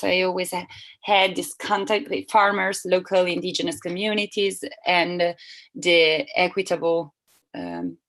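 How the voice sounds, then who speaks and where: A woman with a slightly low voice interprets a seminar talk as it happens. She speaks in a halting way, often breaking off and correcting herself as she searches for the next words. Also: low-quality recording. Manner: halting, with frequent restarts and self-corrections. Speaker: simultaneous interpreter.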